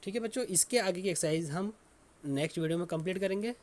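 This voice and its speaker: Male teacher, slightly high voice, slow repetitive dictation for a children's lesson. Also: a little mellow.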